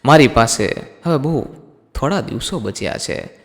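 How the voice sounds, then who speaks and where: A man voicing a calm, dying young husband who speaks slowly and softly with sorrow. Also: medium pitch, gravelly. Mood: gentle sorrow. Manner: slow, soft, sorrowful. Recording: long hall reverb.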